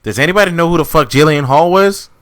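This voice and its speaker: A man's voice: fairly high pitch, fast, fairly bright tone, no echo, clean studio sound. A man co-hosting a podcast in casual chat, rambling and swearing freely. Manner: profane, rambling, laid-back. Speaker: podcast co-host.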